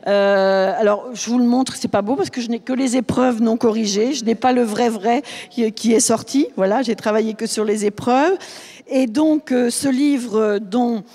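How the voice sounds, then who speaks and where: A woman's voice: fairly high pitch, moderate pace, warm tone. A woman hosting a book festival panel, introducing guests with many hesitations and fillers. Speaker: host. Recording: long hall reverb.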